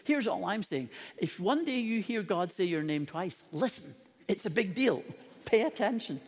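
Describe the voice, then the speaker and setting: Male preacher, high voice, dramatic and emphatic sermon delivery, long echo of a big hall. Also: animated, normal speed, breathy edge.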